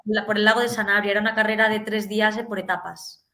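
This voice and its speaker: A woman's voice: medium pitch, flat delivery, fast, pushed and bright. A woman being interviewed as a guest, explaining things in a plain, matter-of-fact way. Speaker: guest mountaineer. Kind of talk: casual interview answers.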